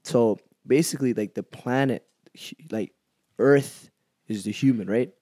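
Animated young man, dry close sound. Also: medium pitch, a little slow, husky, no echo. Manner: animated storytelling, laughs often. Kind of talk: casual podcast chat.

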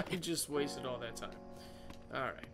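A man's voice: mid-range voice, expressive, measured pace. A man casually commenting while playing a video game, muttering and exclaiming as he goes. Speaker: gaming video host. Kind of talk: casual let's play commentary. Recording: game music playing loudly behind.

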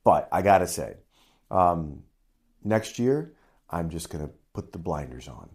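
A man's voice: low-pitched, big pitch swings, a little slow, a little mellow. A middle-aged man, a priest co-hosting a podcast, talking in a casual chat with dry, wry humor. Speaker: priest co-host.

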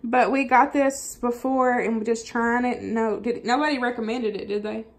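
A woman's voice: on the high side, fairly even intonation, moderate pace. A Southern American woman chatting casually through a grocery haul at her kitchen table, saying lots of "um" and "y'all". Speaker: vlogger. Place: home kitchen table, indoors.

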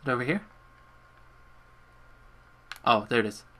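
A man's voice: mid-range voice, lively intonation, measured pace, a bit bright. A young man casually commenting on his gameplay during a livestream from his bedroom, chatty and self-deprecating as he talks to his viewers. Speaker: gaming livestreamer. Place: bedroom at home.

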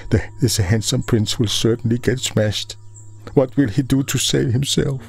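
A monk voicing a crowd of anxious gods watching from afar and fretting aloud. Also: male voice, mid-range voice, moderate pace, vocal fry, slightly rough, faint music behind, voice pushed up. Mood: worried. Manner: fretful, exclaiming.

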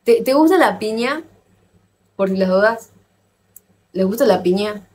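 Chatting casually with her stream audience, a woman with an Argentine accent jokes around and readily bursts into exclamations and laughter. Her medium-pitched voice is expressive and a little mellow.

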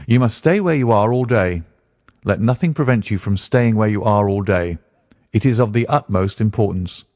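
A man voicing a sharp, commanding male detective who speaks briskly and insistently. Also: fairly low pitch, animated, no echo, studio quality.

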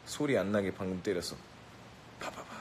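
A man's voice: lowish voice, lively intonation, moderate pace, a little hiss or hum, rough recording. A man bantering with a live audience in a brash, boastful, mock-bossy way, teasing and giving orders as a joke. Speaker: rapper addressing a live audience.

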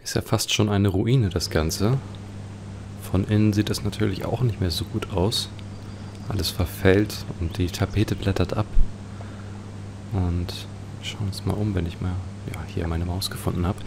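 A man's voice: low-pitched, fairly even intonation, moderate pace. A man commenting casually on a video game, musing aloud as he describes what he sees. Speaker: let's play host. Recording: clearly noisy home recording.

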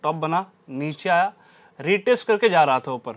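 A man's voice: fairly high pitch, expressive, normal speed. A man teaching a stock trading strategy over a chart, stressing and repeating his key points. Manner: emphatic, repeats key phrases. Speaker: trading instructor.

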